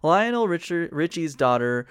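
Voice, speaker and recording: Chatty man with a slightly high voice. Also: sing-song, normal speed, clear, resonant tone. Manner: chatty, reads notes then riffs with laughs and swearing. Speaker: podcast co-host. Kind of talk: casual pop-culture chat, reading a script.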